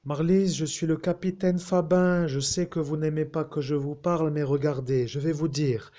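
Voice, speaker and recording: A man's voice: on the high side, dark tone, voice pushed up, lightly acted. A man acting out a lisping, insistent captain, slushy s sounds. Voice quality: lisp, slushy sh for s. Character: lisping male police captain, insistent, scheming, indecisive.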